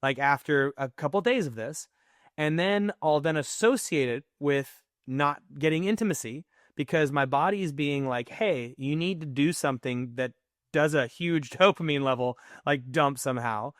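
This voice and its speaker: A man's voice: on the high side, normal speed, no room sound, clean studio sound. A man co-hosting a podcast in casual conversation, telling personal stories candidly and acting out his own inner voice. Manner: candid, animated storytelling with mimicked inner voices. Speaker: podcast co-host.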